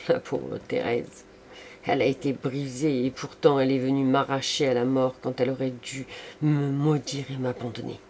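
A man's voice: medium pitch, flat delivery, moderate pace, vocal fry, a little mellow, slight background noise, natural voice. A man voicing a remorseful, passionate young artist who pleads for forgiveness, raised and impassioned. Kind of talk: audiobook reading.

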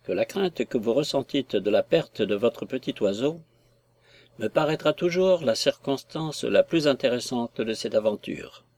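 A man's voice: medium pitch, lively intonation, normal speed, darkish tone, no room sound. A man reading as an ardent young lover. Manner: fervent, pleading.

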